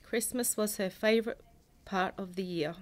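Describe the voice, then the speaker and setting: A middle-aged woman, a bereaved mother reading a prepared personal statement in a solemn, measured way, in grief. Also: mid-range voice. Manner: solemn, measured delivery in short phrases. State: grieving.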